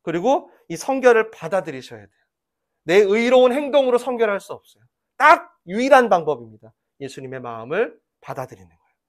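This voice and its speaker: Middle-aged pastor preaching, high voice that swings all over, acts out the story bits. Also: male voice, fairly quick. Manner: lively storytelling, acting out voices in quotes; leads congregation in call-and-response reading. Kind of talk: sermon.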